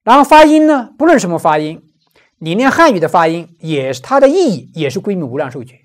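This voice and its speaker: Brief: low-voiced woman teacher, animated lilt, walks listeners through a Buddhist text with rhetorical questions. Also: a little fast. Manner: explanatory, asks and answers own rhetorical questions. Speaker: Buddhist lecturer. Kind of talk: scripture commentary lecture.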